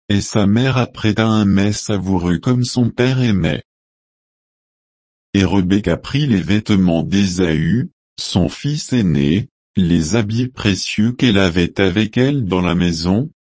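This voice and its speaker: A man reading scripture aloud in a slow, solemn manner. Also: sits low, a little mellow, no echo. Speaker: scripture reader.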